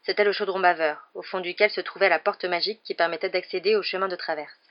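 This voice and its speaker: A woman with a lowish voice narrating a storybook, calm and even. The recording is dull and lo-fi. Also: fast. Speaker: audiobook narrator. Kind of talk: scripted narration.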